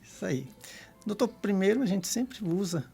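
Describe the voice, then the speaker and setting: Gravelly-voiced man hosting a live radio podcast. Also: high-pitched, lively intonation, moderate pace, dark tone, soft background music. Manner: formal, reads a prepared introduction.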